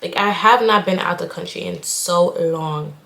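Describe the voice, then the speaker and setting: A young adult woman from Haiti, a nursing student, chats casually while getting ready, rambling with lots of "like." Her voice is lowish and fairly bright with vocal fry, at a moderate pace, recorded in an echoey room.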